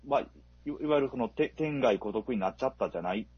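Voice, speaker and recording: A man's voice: medium pitch, animated, fast, slightly rough, no room sound, dull audio. A man talking casually about a film as a podcast co-host, hesitant and full of fillers.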